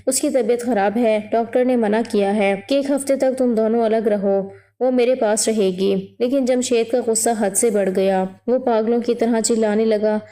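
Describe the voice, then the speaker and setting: Mellow higher-pitched woman narrating a story. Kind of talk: scripted first-person story narration.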